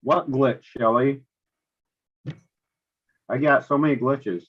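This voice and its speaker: A woman's voice: a bass voice, takes it slowly, slightly rough. An American woman chatting in a folksy, casual way on a live stream. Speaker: co-host of a live spirit box session. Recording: dull lo-fi stream audio.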